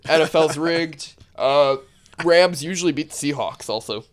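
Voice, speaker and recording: A man's voice: on the high side, normal speed. A man co-hosting a casual sports betting podcast, talking in a laid-back, blunt way while sick and losing his voice. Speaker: podcast co-host.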